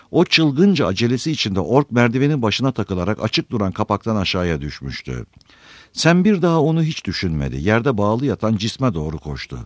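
Low-voiced, lively male audiobook narrator. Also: dry recording. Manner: dramatic, expressive reading.

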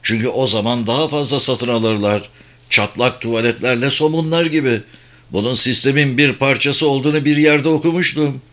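A man's voice: medium pitch, fairly even intonation, a little fast, fairly bright tone, lightly acted. A man voicing a suspicious, argumentative old male fisherman in an audiobook.

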